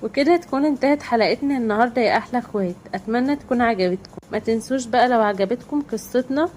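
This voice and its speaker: Egyptian woman storyteller for scripted narration; brisk, dark mellow tone. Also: fairly high pitch, slight background noise.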